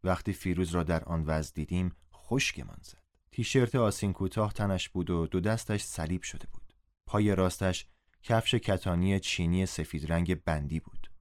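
A man's voice: low voice, fairly even intonation. A man narrating a story in first person, reading the dialogue aloud with a raised voice. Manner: reads dialogue in a raised, louder voice.

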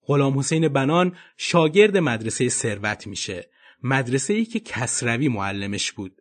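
Man, podcast narrator, expressive storytelling, animated intonation, mid pitch.

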